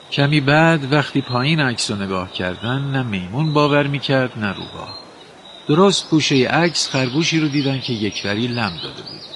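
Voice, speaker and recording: A man narrating a children's animal story expressively. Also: mid-range voice. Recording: steady background hiss and noise.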